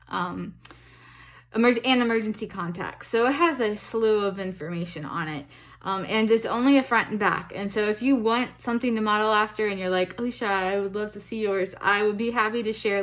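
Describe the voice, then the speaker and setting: A woman speaks from behind a face mask in a mid-pitched voice. She gives an earnest personal account to viewers, reflective and halting, often pausing to find her words. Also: fairly bright tone, rough recording. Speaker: vlogger sharing stroke recovery. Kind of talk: personal testimony to camera.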